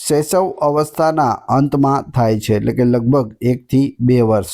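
A man's voice: medium pitch, a little slow, dark tone. A man teaching an exam-prep lesson, reading out each question and then giving its answer.

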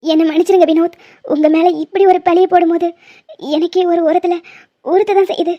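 A woman's voice: very high voice, steady tone, brisk, dull audio. A woman voicing a young woman obsessed with love in a cartoon, pleading and insistent. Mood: remorseful.

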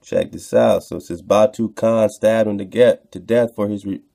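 A man's voice: lowish voice, fairly even intonation, normal speed, gravelly, dark tone. A man hosting online radio, commenting casually on texts he reads aloud, repeating phrases for emphasis and addressing listeners in slang.

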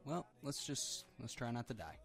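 A man's voice: mid-range voice, sing-song, normal speed. A man co-commentating on a game with wry, sardonic casual banter. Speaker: co-commentator on a let's play. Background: game music.

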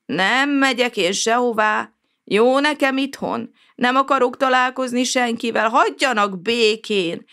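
A woman voicing a grumpy, injured old male cockroach neighbor in a storybook, speaking slowly and drawing out her words. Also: high voice, little pitch movement, creaky, fairly bright tone, voice pushed up. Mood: irritable. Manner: grouchy then apologetic, slow and drawn out.

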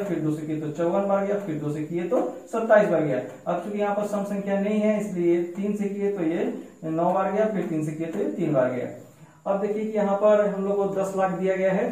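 A man's voice: sits high, dark tone. Man teaching math in an echoey room. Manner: slow, repetitive explaining, addresses children directly. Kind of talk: step-by-step classroom lesson. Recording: very echoey room, mic far off.

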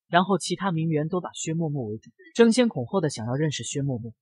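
A man's voice: fairly high pitch, very animated, fast talker, a little mellow, husky, no echo. A man narrating a comic recap, dropping chatty asides to viewers.

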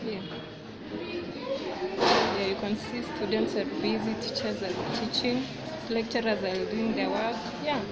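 A young Kenyan woman, a student vlogger, films a casual walking tour of her college's corridors and classrooms on a handheld phone. Her medium-pitched voice is chatty and repetitive, and she keeps calling viewers "guys." The phone recording picks up a loud, noisy crowd of students around her.

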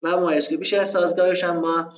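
A man giving a casual spoken programming lesson, often posing rhetorical questions to himself and pausing with fillers. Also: high-pitched, little pitch movement, reverberant, low-quality recording. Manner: conversational, rhetorical self-questions, frequent fillers. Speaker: programming instructor. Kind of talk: screen-recorded tutorial explanation.

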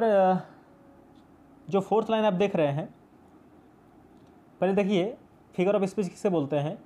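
A man's voice: high voice, warm tone. A male teacher explaining a poem in a class video, patient and repetitive, mixing English terms into his speech. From India.

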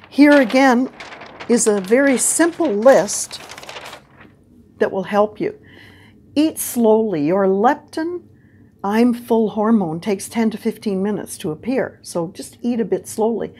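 An older woman hosting a casual diet lesson at a whiteboard, chatty and animated, often checking in with "right?", recorded from a camera at medium distance. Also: a little high, takes it slowly, a little hiss or hum. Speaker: health and diet video host. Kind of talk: casual instructional talk at a whiteboard. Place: indoor room before a whiteboard.

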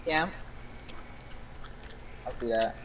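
A man's voice: mid-range voice, extremely slow, a bit bright, a little hiss or hum. A man chatting casually while playing an online basketball game with friends, trash-talking, swearing and calling plays to his teammates. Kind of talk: casual gaming chat.

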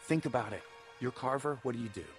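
A young actor voicing a hotheaded, defensive young man in a game, snapping back in quick outbursts. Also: medium pitch, faint music behind, natural voice. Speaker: game character.

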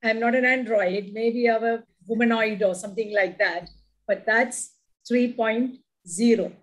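A middle-aged woman with a South Indian accent, a native Malayalam speaker, reading and introducing a poem with deliberate, expressive phrasing over a video call. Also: fairly high pitch. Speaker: poet reading own work. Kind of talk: poetry reading with explanatory introduction. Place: indoor room at home, video call. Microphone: video call microphone.

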